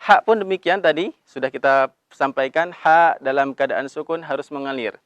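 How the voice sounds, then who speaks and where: A man teaching Quran recitation, explaining letters patiently and drawing out the recited verses slowly. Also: a little high, fairly bright tone, dry recording, lo-fi sound. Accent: Indonesian. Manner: slow drawn-out recitation of verses between brisk explanations; calls himself Abi, patient instructive tone. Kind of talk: recitation lesson with chanted examples.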